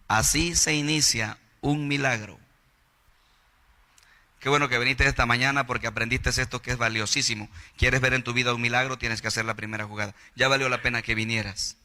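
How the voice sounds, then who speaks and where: A Mexican pastor preaches with animated energy and acts out the voices of the figures in his stories. His tone is very bright and sharp. The sermon rings out with a long reverb in a church hall. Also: medium pitch. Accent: Mexican Spanish.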